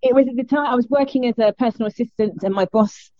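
A middle-aged woman with a South London accent, chatting casually as an interview guest in a halting, self-interrupting way over a muffled remote call. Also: on the high side, dry recording. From South London, England. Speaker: fitness instructor, interview guest.

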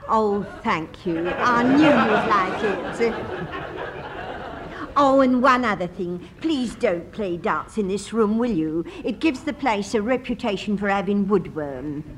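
A woman's voice: medium pitch, animated, unhurried, a loud crowd, very noisy, lightly acted. An actress playing a chatty, eccentric older landlady who giggles between her lines, in a radio comedy. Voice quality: gushing, giggling.

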